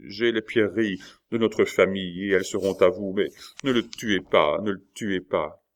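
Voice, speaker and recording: A man's voice: low voice, moderate pace. A man voicing a desperate old father in his sixties in an audiobook, imploring and begging. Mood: pleading. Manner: imploring, pleading.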